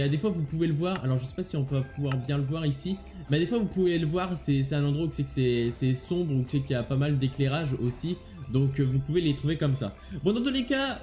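This is casual gameplay commentary from a man hosting a gaming video, chatting with viewers as he plays and playfully taunting the monsters he fights. His voice is fairly high and mellow.

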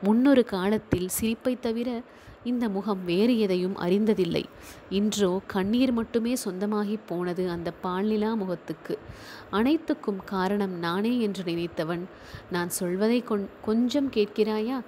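A woman reading a novel as an audiobook narrator, steady and expressive. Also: mid-range voice, unhurried, slight background noise. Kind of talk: scripted narration.

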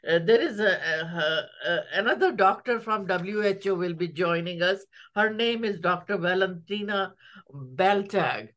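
Halting woman moderating a webinar. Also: lowish voice, a bit bright. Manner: halting, many restarts. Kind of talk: moderating a video call.

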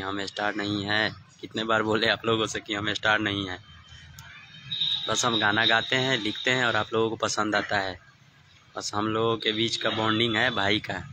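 Soft-spoken low-voiced man, Bhojpuri accent. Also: very noisy. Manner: soft-spoken, relaxed, chuckles often. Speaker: singer and songwriter. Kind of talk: casual live stream, greeting viewers by name.

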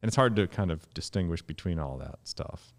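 A man in his thirties, a guest scientist on a podcast, explaining in an animated way and jumping up in pitch to stress points, recorded in a dark studio on a studio mic. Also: brisk. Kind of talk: podcast conversation. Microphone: studio mic with headphones.

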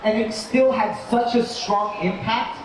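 This is a toy company co-founder speaking in a high, unhurried voice during a laid-back live presentation. He drifts along with fillers and restarts. Recorded from a distance in a large, echoey mall expo hall, the clip carries crowd noise.

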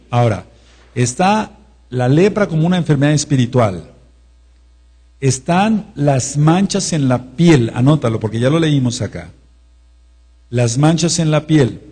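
A man's voice: mid-range voice, warm tone, slightly rough. A man with a Mexican accent teaching a sermon, repeating key words and asking his listeners questions. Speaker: preacher.

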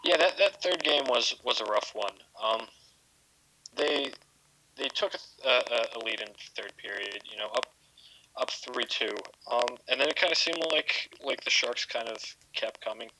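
A man's voice: medium pitch, animated, unhurried, sharp tone, rough recording. A man co-hosting a podcast, analysing hockey stats in a casual, stammering way. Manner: analytical, stammers on repeated words. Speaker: podcast co-host.

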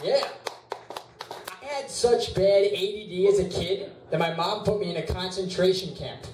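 A man's voice: high voice, moderate pace, background noise. A young man performing a stand-up set in a bar, with a whiny voice and crude, self-mocking punchlines. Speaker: stand-up comedian. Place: bar stage. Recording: roomy bar from far off, clear ambience.

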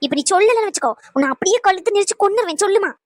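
A woman voicing an exasperated middle-aged mother in a cartoon, who scolds loudly and wails. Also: extremely high pitch, expressive, racing, no echo, studio quality. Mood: scolding, wailing. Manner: loud, scolding, wailing. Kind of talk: cartoon voice acting.

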